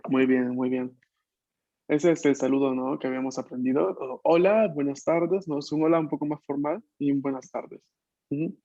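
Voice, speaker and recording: A man's voice: on the high side, fairly even intonation, moderate pace, mellow, no room sound, dull audio. A male language teacher running an online Japanese class in Spanish, explaining patiently and checking in with tag questions. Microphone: video call.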